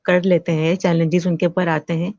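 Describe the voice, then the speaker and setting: Female interview host, gravelly voice, on a dull, dry, lo-fi track. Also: lowish voice, flat delivery, mellow, dry recording. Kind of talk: interview questions.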